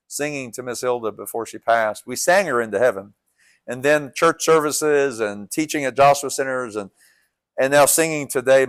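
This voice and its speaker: In a dry recording, a man of medium pitch delivers a sermon as pastor with a strong, coach-like voice. His exhortation is earnest and repetitive, full of restarts as he presses his listeners.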